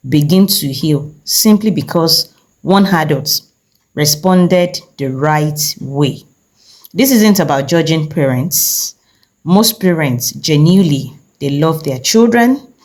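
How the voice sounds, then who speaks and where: Child safety educator, slow delivery, earnest, measured, pausing between phrases, numbered points. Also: medium pitch. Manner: earnest and measured, with deliberate pauses; rhetorical, counts through numbered points. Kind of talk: speaking to camera.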